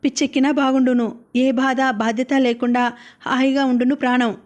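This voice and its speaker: A woman's voice: high voice, level tone, moderate pace, darkish tone, natural voice. A woman reading the lines of a stern, grieving aristocratic mother who scolds and wails at her son. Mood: bitter grief. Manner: scolding, wailing.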